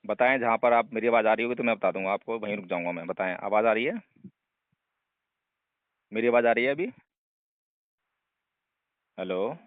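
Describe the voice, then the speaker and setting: A man's voice: on the low side, normal speed, long pauses, no echo. A man in his thirties talking outdoors on a phone call, his voice cutting out and breaking up as he keeps politely checking whether he can be heard. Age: 30s. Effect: voice cutting out and breaking up on the phone line. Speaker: activist video speaker on a phone call. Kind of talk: phone argument. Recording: tinny dry phone line.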